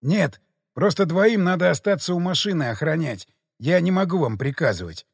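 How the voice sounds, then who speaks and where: A man's voice: fairly high pitch, expressive, slightly rough, no echo, clean studio sound. A man reading as a cool, venomous foreign leader. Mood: calm, cool. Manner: precise, measured, politely venomous. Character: calm, coldly sarcastic foreign man, expedition leader.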